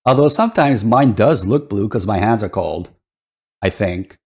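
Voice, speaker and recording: A man's voice: fairly low pitch, lively intonation, normal speed, a little mellow, husky. A man giving casual reaction commentary as a streamer, in a hesitant, rambling way. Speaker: VTuber streamer.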